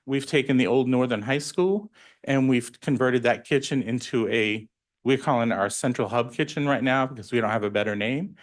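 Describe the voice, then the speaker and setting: A man's voice: medium pitch, moderate pace. A man who runs a school nutrition program, explaining at a public board meeting in a plain way with frequent ums.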